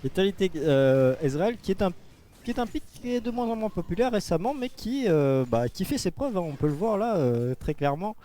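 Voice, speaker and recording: A man's voice: high-pitched, very animated, a little fast, mellow, slight background noise. A man giving live esports caster analysis, repeating phrases as he searches for words.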